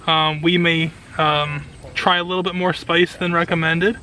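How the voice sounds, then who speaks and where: A man's voice: fairly high pitch, flat delivery, measured pace, sharp tone, a little hiss or hum, rough recording. An enthusiastic man giving casual hands-on commentary as a gardening vlogger.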